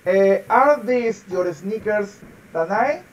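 Patient, slow high-voiced male teacher. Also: animated, distant mic, dull audio, crowd noise. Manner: patient, repeats words over and over for drilling. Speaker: English teacher. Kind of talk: online class. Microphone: video call.

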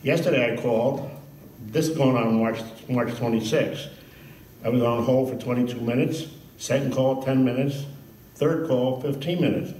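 A man's voice: mid-range voice, a little mellow, slight background noise. An older man at a public hearing, reading out dates and amounts at a podium mic. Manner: reads a list of dates and sums. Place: large hall. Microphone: podium mic on a stand. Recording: echoey hall from far off.

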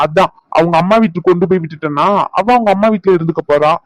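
A man's voice: sits high, rapid-fire, no echo, close to an everyday voice, rough recording. A man voicing a young husband in a cartoon who insists firmly but coaxes affectionately. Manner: firm, coaxing, insistent.

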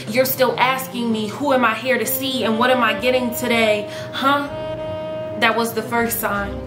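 A woman's voice: fairly high pitch, roomy sound. A woman in her thirties, a hair vlogger, performing sassy, rhythmic spoken word full of rhetorical questions, seated on a sofa in her living room and filmed head-on. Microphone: camera in front, head and shoulders framing.

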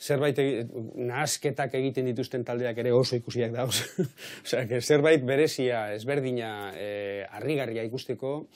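A man's voice: mid-range voice, normal speed, a little mellow. A man in a casual interview, talking loosely and searching for words.

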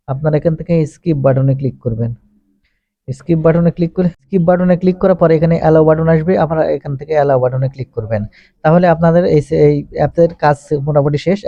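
This instructional voice-over features a man walking through a tech tutorial at a very fast clip, his voice fairly high. He's methodical and repeats phrasing a lot, and the sound is close, dry, and lo-fi.

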